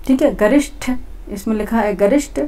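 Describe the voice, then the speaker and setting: A woman's voice: a little high, normal speed, dark tone. A woman teacher working through exam questions step by step, repeating herself and saying "okay" often as she talks to her students. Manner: repetitive, says "theek hai" often; explains step by step, talking to students. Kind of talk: exam-prep lesson.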